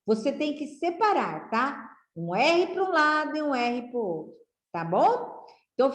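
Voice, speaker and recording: A woman's voice: fairly high pitch, roomy sound. A woman teaching children to read, drawing out syllables and checking in with the children often. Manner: drawn-out syllables, frequent "né?" and "tá?" checks. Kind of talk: slow, patient reading lesson for children.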